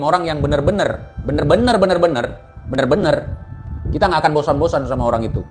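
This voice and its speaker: A man giving a heated, mocking religious commentary, swinging from quiet asides to loud outbursts. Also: on the high side.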